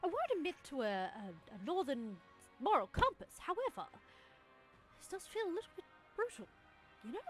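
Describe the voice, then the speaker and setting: A woman's voice: very high-pitched, wildly swooping pitch, normal speed, pauses often, soft background music. A woman playing a tabletop game, bantering casually in a wry, sarcastic manner.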